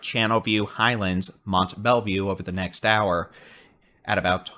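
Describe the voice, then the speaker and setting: A man's voice: sits low, pushed and bright. A man giving live severe weather coverage, steadily listing towns and arrival times. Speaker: weather forecaster.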